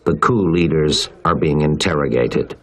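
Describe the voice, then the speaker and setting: A man narrating a documentary in a measured, scripted delivery. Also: a bass voice, noisy background.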